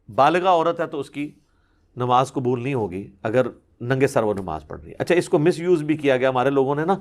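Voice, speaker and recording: A man answering religious questions in a conversational, explanatory way, patiently working through examples. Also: a little high. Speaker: Islamic scholar answering questions.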